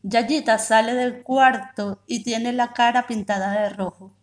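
A woman, a reading promoter, telling a children's story aloud in a measured, expressive way. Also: on the high side.

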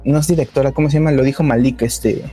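A Mexican man rambles through a casual podcast discussion. He speaks in a mellow, darker voice and fills his thoughts with hesitations and restarts. Faint music plays behind him. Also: mid-range voice, steady tone, fast talker, breathy edge. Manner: rambling, many filler words and restarts.

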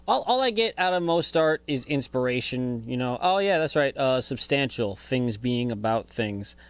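A man's voice: mid-range voice, sing-song, moderate pace, clear, resonant tone, dry recording. A man in his twenties hosting a podcast, talking in a rambling, profane, laid-back way as a casual monologue. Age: 20s. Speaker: podcast host.

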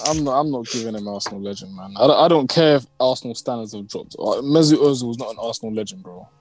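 A young man with a London roadman accent argues about football at a quick clip. He is blunt and insistent, repeating himself in casual slang. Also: medium pitch, over music. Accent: London, urban British slang. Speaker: podcast co-host.

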